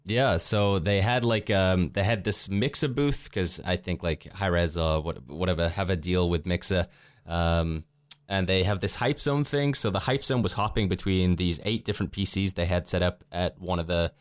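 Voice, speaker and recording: A deep-voiced man who sounds sick, chatting casually as a podcast co-host. His voice comes across smooth and resonant, and the sound is dry and close. He rambles with plenty of ums and likes. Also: normal speed, dry recording. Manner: rambling, filler-heavy talk.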